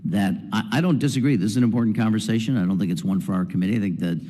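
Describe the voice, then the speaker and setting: A man with a mellow, fairly low voice argues his point insistently. The long reverb of a large hearing room surrounds him. He debates a witness across the table. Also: rapid-fire. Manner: argumentative, insistent. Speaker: congressman.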